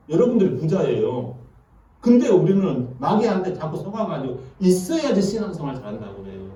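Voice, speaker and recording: A male pastor preaching a sermon, animated and asking the congregation questions. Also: a little high. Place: church sanctuary. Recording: echoey church from far off.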